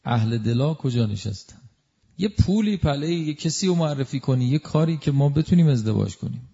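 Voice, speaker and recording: A man preaching a devotional sermon through a story, emotive, swinging from loud exclamations to hushed asides. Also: medium pitch, animated, vocal fry, highs cut off.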